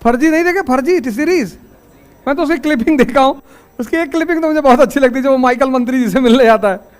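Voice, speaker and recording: A man's voice: very high voice, fast talker, clean tone, faint music behind. A male teacher lecturing his class in a classroom, telling anecdotes and scolding students. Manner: storytelling, scolding, rustic asides.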